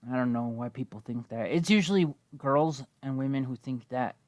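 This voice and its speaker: A man in his twenties who hosts gaming videos is coming down with a cold and sounds slightly wheezy as he gives easygoing, rambling commentary peppered with swearing. His medium-pitched voice moves at a normal speed, with clean studio sound and no echo.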